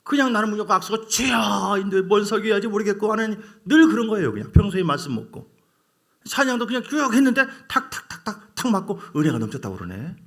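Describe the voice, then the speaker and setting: A man preaching a sermon as pastor of a church, switching between quiet asides and loud exhortation and acting out quoted voices. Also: high-pitched, sing-song, fast talker. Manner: acts out quoted voices and leads the congregation in call-outs. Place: church sanctuary.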